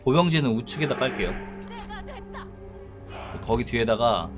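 Male game streamer with lively, swinging pitch. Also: normal speed. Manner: thinks aloud, explains tactics to viewers. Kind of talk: casual live strategy game commentary. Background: game music.

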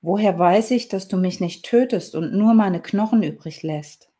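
A woman's voice: mid-range voice, moderate pace, warm tone, natural voice. A woman voicing a bold, stubborn young woman who asks questions and insists on going into the woods. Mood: defiant.

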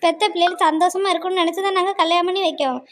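A performer doing a cartoon old mother-in-law, very high squeaky voice, fast pleading talk. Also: fairly even intonation. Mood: worried. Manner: pleading, rapid and insistent. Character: worried elderly mother-in-law, pleading and fretful. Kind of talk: cartoon family drama.

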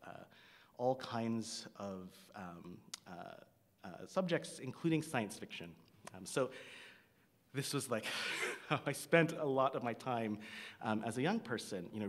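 Halting man lecturing from a podium. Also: fairly low pitch. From Singapore. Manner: hesitant, many ums and restarts. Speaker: visiting artist lecturer. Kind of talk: public lecture. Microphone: podium microphone. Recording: long hall reverb.

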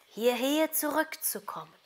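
A woman voicing a wise old Finnish wise-woman who gives calm, solemn counsel. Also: high voice, unhurried, a little hiss or hum, pitched above the performer's own voice.

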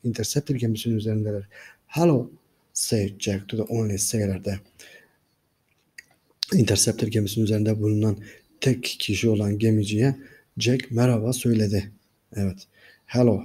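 A man with a Turkish accent reads a story aloud line by line and then explains each line to his class. His voice is low, husky and dark, and his delivery is patient and steady like a teacher's. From Turkey. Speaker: English teacher. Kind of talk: reading a graded reader aloud and translating.

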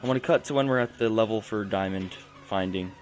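A man's voice: fairly low pitch, quick pace, a little hiss or hum. A young man casually narrating his own gameplay at home, chatty and prone to interrupting himself. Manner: chatty, self-interrupting play-by-play. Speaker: gaming channel host. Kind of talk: casual game commentary. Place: home room. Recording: faint background music.

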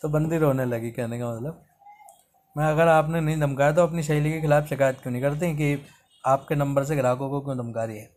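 Skeptical man recounting a chat, slightly high voice. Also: steady tone, brisk, a little mellow. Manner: recounts a chat, reading messages aloud, skeptical and indignant. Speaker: YouTuber. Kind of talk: casual storytelling vlog.

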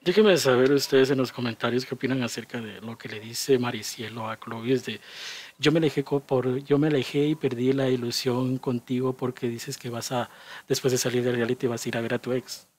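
A man's voice: medium pitch, steady tone, fairly quick. A young man casually commenting on a reality show and asking his viewers for their opinions.

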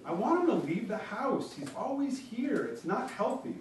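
A man's voice: sits high, sing-song, fairly quick, mellow, slight background noise, pitched above the performer's own voice. Man reading as a whispery, frustrated wife. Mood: pleading. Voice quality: whispery, strained voice. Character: frustrated wife pleading with her husband. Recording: very echoey room, mic far off.

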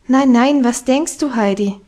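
A woman reading an audiobook voices a gentle girl who cannot walk, speaking softly and wistfully. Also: high-pitched, unhurried.

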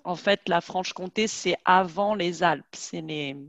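A woman's voice: fairly low pitch, unhurried, a bit bright, no echo, muffled recording. Laughing woman host on a headset. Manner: chatty, laughs often, restarts words. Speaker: host and French teacher. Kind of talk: casual video call interview. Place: home room, video call.

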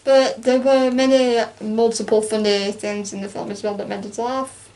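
With a fairly high voice at a moderate pace, a young woman co-hosting a casual film-review chat talks about a movie she saw. Her manner is lively, and she acts out lines from it between laughs.

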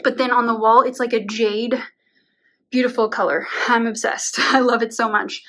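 A woman's voice: fairly high pitch, steady tone, normal speed, fairly bright tone. Tired, chatty young woman vlogging at home. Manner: chatty, rambling, uses "like" often, laughs between words. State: tired, out of breath at times. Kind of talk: casual vlog talk to camera. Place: home bedroom being painted.

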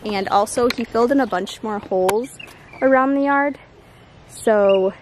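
Chatty young mom vlogging at home. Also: female voice, medium pitch, a little hiss or hum. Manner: chatty, matter-of-fact, talks to her children in between. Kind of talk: casual vlog narration. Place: home, backyard and kitchen. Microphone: handheld camera mic.

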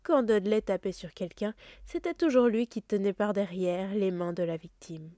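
A woman's voice: mid-range voice, moderate pace, dry recording, clean studio sound. Woman reading a story aloud. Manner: steady, expressive reading. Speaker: audiobook reader.

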